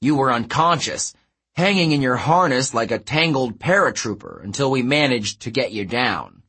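A man voicing a gruff, boastful male satyr coach in an audiobook, with a husky, blustery delivery. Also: mid-range voice, animated, bright, forceful tone, heavily acted. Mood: brash. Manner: blustery, boastful, talks fast in bursts. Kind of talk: audiobook character voice.

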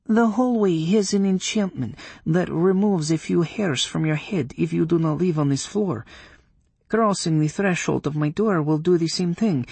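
A man's voice: sits high, darkish tone, breathy edge, dry recording, voice pushed up. A man voicing a haughty, coldly formal woman witch, speaking in a stiff, clipped way. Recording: dry close studio sound.

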